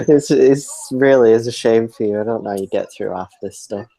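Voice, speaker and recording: A man's voice: medium pitch, very animated, moderate pace, noisy background. A man co-hosting a live reaction stream in casual chat, laughing often and teasing his friend.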